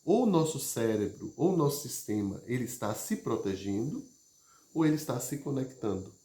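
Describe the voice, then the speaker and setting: A man leading a live session, moving between loud emphasis and soft, gentle speech. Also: mid-range voice, sing-song, moderate pace. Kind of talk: live talk to an audience. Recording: roomy, echoey sound.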